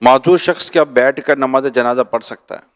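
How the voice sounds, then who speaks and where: A man's voice: medium pitch, smooth. Man plainly reading out questions.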